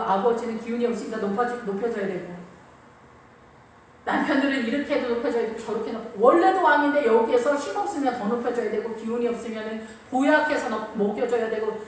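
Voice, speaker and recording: Woman preacher acting out stories in her sermon, mic far away, faint room hum. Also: fairly high pitch. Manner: lively, acts out quotes, repeats phrases. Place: church. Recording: echoey church hall from far off, faint ambience.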